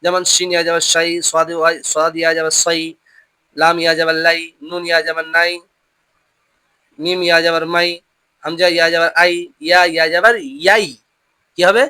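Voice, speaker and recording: A Quran reading teacher giving a patient lesson, drilling pronunciation call-and-response, often repeating questions and slowing down to model each word. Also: medium pitch, level tone, bright, forceful tone, smooth, dry recording.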